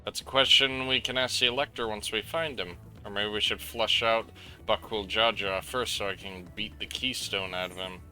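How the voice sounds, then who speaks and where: Sharp-voiced man streaming a game. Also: fairly low pitch, steady tone, normal speed, soft background music. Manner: reads story text aloud, stumbling over names, swearing between lines. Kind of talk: live game stream, reading dialogue aloud.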